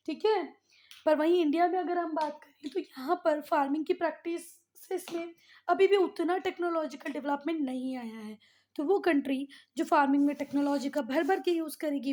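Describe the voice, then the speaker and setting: A woman leads a schoolroom lesson in a notably high voice. She explains patiently, repeats the key terms and keeps checking in with her students, switching now and then into textbook English. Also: dark tone. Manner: mixes English textbook phrases into Hindi explanation. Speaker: teacher.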